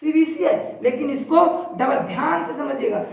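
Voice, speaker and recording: A woman teaching an English grammar lesson, explaining slowly and repeating each point while pointing at a board. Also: high voice, vocal fry. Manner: slow, repetitive explaining at a board. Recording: very echoey, distant, dull lo-fi room.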